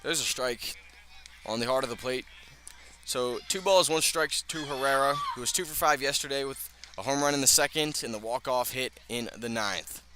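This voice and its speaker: Speaking at a moderate pace in a mid-range voice that sounds pushed and bright, this male radio announcer gives live baseball play-by-play from an outdoor ballpark. His delivery is conversational, sprinkled with casual asides, and the clear recording picks up ambient outdoor noise.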